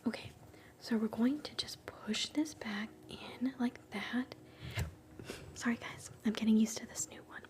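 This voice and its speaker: A woman whispering softly through an ASMR scalp-exam role play, chatting gently with live viewers between slow steps. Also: a little high. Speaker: ASMR livestream host.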